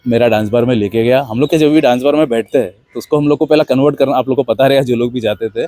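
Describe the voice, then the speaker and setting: A man's voice: medium pitch, mellow, dry recording. A man telling a rambling personal story in a casual monologue, dropping in English words. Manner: rambling anecdotal, mixing Hindi with English words. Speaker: host.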